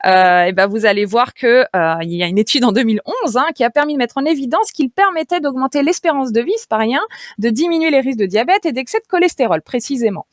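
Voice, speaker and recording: Casting: higher-pitched woman, radio nutrition columnist, playful and chatty, dry studio sound. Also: expressive, fast talker, no room sound. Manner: chatty, playful, laughs easily, many fillers. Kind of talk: radio nutrition segment, lively explaining. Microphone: studio radio mic.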